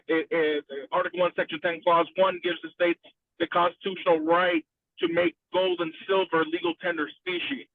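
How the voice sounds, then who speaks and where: A man calling in on speakerphone while driving, asking halting questions with restarts over a phone line. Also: on the high side, no room sound. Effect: phone call from a moving car on speakerphone. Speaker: panel participant calling in. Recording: tinny dry phone line.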